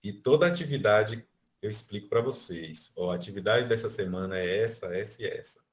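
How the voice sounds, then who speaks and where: A man's voice: lowish voice, lively intonation, brisk. A Brazilian man teaching an online music class, explaining by counting beats and stretching out syllables. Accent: Brazilian Portuguese. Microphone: video call.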